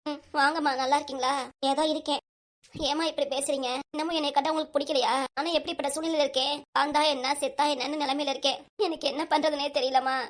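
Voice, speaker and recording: A woman's voice: high-pitched, flat delivery, fast talker, lightly acted. Woman voicing Pushpa, a sorrowful grown daughter. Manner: pleading, sorrowful. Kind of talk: cartoon family drama voice acting.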